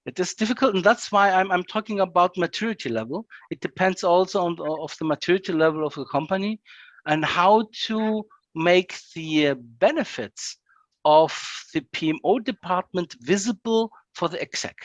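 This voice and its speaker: A man's voice: sits high, normal speed, dry recording, lo-fi sound. A man speaking as a guest in an interview, often repeating words and ending phrases with "yeah". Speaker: guest, project management executive. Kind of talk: casual video-call interview.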